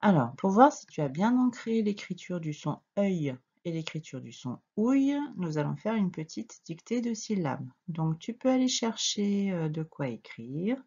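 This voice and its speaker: A woman teacher with a French accent, giving a slow, patient reading and dictation lesson to a young child and spelling out letters. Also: medium pitch, sing-song, mellow, husky, lo-fi sound. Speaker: primary school teacher.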